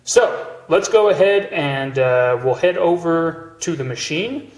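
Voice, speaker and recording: A man's voice: on the high side, unhurried, roomy sound, poor audio. A man giving an informal hands-on welding tutorial, explaining each step casually, with machine noise behind him. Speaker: welding instructor. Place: room or workshop beside welding machine. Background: steady welding machine noise.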